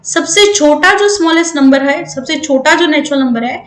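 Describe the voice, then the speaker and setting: At a normal speed, a high-pitched woman with an Indian accent teaches maths in a roomy-sounding space. Her classroom talk alternates English and Hindi, goes step by step, and is dotted with "right?".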